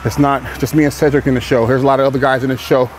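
This man talks rapid-fire in a mid-range, level voice. He's a professional bodybuilder in his thirties, casually and candidly addressing the camera between sets in a large indoor gym, rambling with fillers in a laid-back way as music plays.

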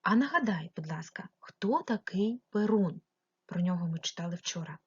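A Ukrainian-accented woman teaching a remote lesson to young pupils, speaking slowly with clear stress and addressing the child directly. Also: lowish voice, lively intonation, a little mellow, no echo. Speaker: primary school teacher. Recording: dull lo-fi home recording.

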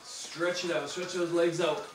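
A man's voice: a little high, flat delivery, measured pace. A man in his thirties working as an aerobics instructor, cueing a home workout with short, repeated, encouraging instructions. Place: small tiled room at home, indoors. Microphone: far camera across the room. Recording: roomy, distant camera mic with music.

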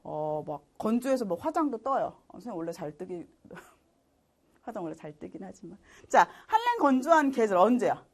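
Lively woman teaching science. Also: medium pitch, moderate pace. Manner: lively, chatty, asks students rhetorical questions; laughs at herself while drawing. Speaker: middle school science teacher. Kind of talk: online lecture.

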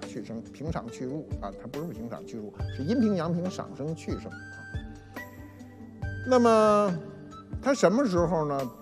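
A man giving an explanatory talk-show monologue, teaching by saying example words aloud. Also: on the high side. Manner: didactic, demonstrates pronunciations aloud. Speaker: cultural commentator. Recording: reverberant room with faint music.

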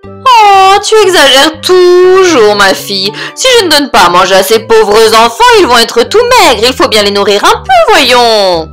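A woman's voice: on the high side, big pitch swings, measured pace, fairly bright tone, soft background music. A woman voicing a doting, pushy cartoon pig grandmother in an exclaiming, singsong way. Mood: indignant. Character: doting, pushy piglet grandmother who loves overfeeding children. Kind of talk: cartoon toy-play story.

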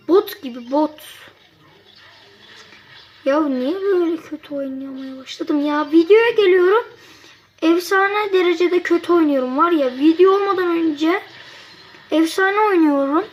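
High-voiced excitable kid gamer. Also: slight background noise, low-quality recording. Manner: excitable, frustrated outbursts, addresses viewers as friends. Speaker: gameplay youtuber. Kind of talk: casual gameplay commentary.

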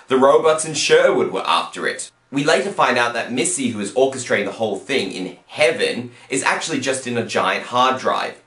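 A sarcastic, exasperated man hosts a comedic review, his pitch swinging widely as he rants. He sits in an ordinary middle range, and the room around him is noticeably echoey. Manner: sarcastic, exasperated, rising to shouts. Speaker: host and reviewer. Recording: roomy echo.

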